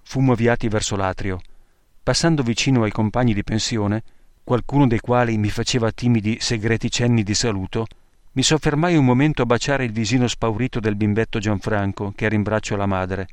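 A man reading a wartime memoir aloud in a measured, grave manner. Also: lowish voice, clean tone, no echo. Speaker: narrator.

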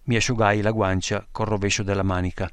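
A man reading a wartime memoir aloud in a measured, grave manner. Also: lowish voice, level tone, clear, resonant tone, no room sound, clean studio sound. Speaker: narrator.

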